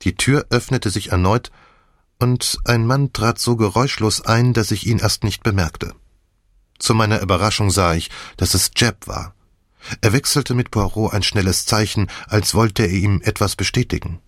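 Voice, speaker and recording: Brief: male audiobook narrator, measured first-person crime reading, low voice, dry sound. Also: no echo.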